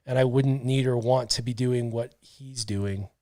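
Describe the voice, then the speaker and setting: Speaking a little slowly in a mid-range voice, a thirtysomething man hosts a podcast with no echo around him. He keeps the chat casual and reads out viewer comments in a relaxed way from a small brick-walled studio, using a headset and studio mic.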